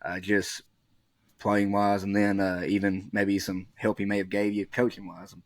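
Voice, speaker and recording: A low-pitched man hosts a casual podcast interview, talking in a friendly, rambling way with plenty of fillers. His voice stays flat in tone, and the recording is dry and close with no room sound. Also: moderate pace, no echo. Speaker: podcast host.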